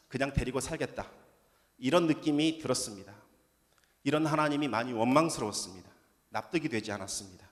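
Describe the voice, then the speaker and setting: A man in his thirties delivers a sermon in an earnest, testimonial way, slowing down and pausing to let his points land. His voice sits at an ordinary pitch for a man. A long reverb trails each phrase, as if he is in a church sanctuary. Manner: earnest testimony, slow emphatic pauses. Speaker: pastor.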